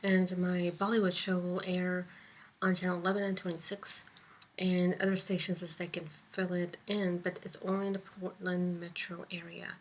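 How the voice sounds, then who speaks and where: A woman's voice: lowish voice, little pitch movement, normal speed, a little hiss or hum. A sleepy-sounding woman giving casual political commentary to camera, rambling with many ums and dropping into whispery asides. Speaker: vlogger and public access show host.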